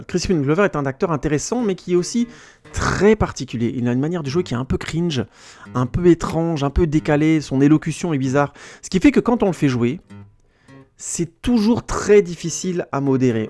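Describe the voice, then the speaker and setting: A man talks through a film review in a loose, conversational way, wandering off on tangents and restarting his sentences. His voice sits at an ordinary middle pitch. Soft guitar music plays faintly behind him. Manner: chatty, digressive, with restarts and searching for words. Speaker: film critic podcast host. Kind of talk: casual spoken film review.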